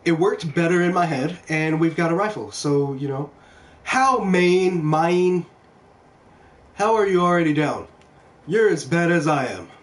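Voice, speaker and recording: Playing from an indoor room at home, this young streamer speaks on the high side, sounding animated but never rushed. He keeps the gameplay chat relaxed, cursing and poking fun at himself over a headset mic. There's obvious noise throughout the recording.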